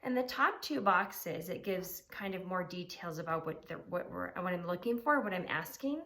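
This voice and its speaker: A woman elementary teacher with a lowish, fairly bright, expressive voice speaks at normal speed. She explains things simply to children and reads a storybook aloud with feeling, using emphasis and rhetorical questions.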